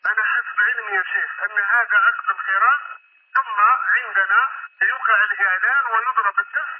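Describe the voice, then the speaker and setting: Fast caller on a muffled line. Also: male voice, sits high, breathy edge. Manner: persistent, keeps addressing the scholar. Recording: muffled phone line with faint hiss.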